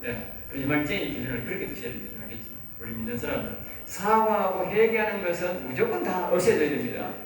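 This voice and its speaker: A man's voice: fairly high pitch, animated, quick pace, hardly any pauses. A man with a Gyeongsang Korean accent, a pastor lecturing a seminary class. He talks emphatically, repeats key phrases and keeps checking that his listeners follow. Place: church lecture room. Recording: very echoey room, mic at a distance, faint background noise.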